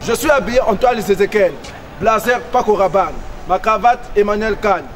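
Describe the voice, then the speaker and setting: Showy high-voiced man. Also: normal speed, a faint crowd, slight background noise. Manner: showy, boastful. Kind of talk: bragging street banter.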